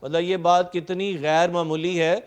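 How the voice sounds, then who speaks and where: A male English teacher, reading play dialogue slowly and paraphrasing it in Urdu, then listing synonyms methodically. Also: high-pitched, clear, resonant tone. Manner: lists synonyms in a steady, methodical drone. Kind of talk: recorded lecture explaining a play line by line.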